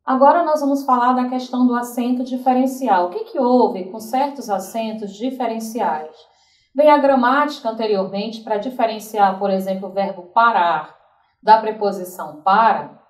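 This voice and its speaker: A woman teacher with a Brazilian Portuguese accent explaining grammar rules, repeating examples slowly and checking in with the class. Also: on the high side. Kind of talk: recorded grammar lesson. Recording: roomy, from a distance.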